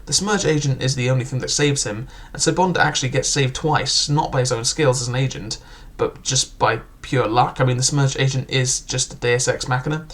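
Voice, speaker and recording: A young man gives a casual spoken book review, chatty and unpolished, filling his search for a point with lots of "like" and "um." His pitch is in an ordinary male middle range, and he talks briskly with few pauses in a fairly bright tone.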